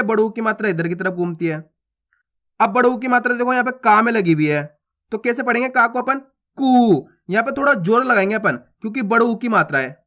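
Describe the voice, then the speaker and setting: Brief: male Hindi tutor, high and bright, patient explainer who repeats sounds and checks understanding. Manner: patient, repeats each sound and asks questions. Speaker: Hindi teacher. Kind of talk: explaining a spelling lesson.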